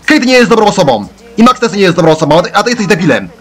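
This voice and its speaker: Excitable man ranting through a game. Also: sits high, very fast. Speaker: let's play gamer. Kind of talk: gameplay commentary.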